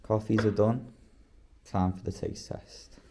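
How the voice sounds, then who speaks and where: A man with a very low voice talks his viewers through his week in a relaxed, upbeat way. He sounds like he's chatting at home in his kitchen. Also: measured pace. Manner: chatty, upbeat commentary on food and training. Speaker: vlog host. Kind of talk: casual vlog narration.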